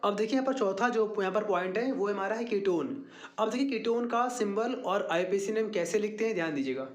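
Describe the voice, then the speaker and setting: In an echoey room, a high-voiced man teaches a chemistry class, repeating formulas slowly. He keeps putting questions to the class and then answering them himself.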